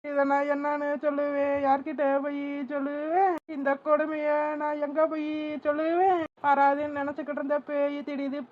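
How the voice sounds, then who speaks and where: A woman's voice: high-pitched, level tone, moderate pace, highs cut off, close to an everyday voice. A woman voicing a dramatic aunt who wails and complains about her mother-in-law. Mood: wailing. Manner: wailing, melodramatic complaining. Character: wailing aunt, dramatic, fed-up daughter-in-law.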